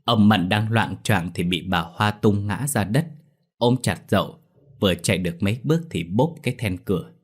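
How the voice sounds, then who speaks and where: A man narrating a scripted horror story in a lively storytelling manner. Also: lowish voice, normal speed, slightly rough.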